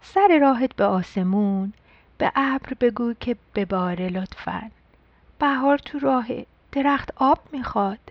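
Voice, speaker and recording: A woman's voice: on the high side, lively intonation, no echo, highs cut off. A woman voicing an eager young boy who calls out news urgently.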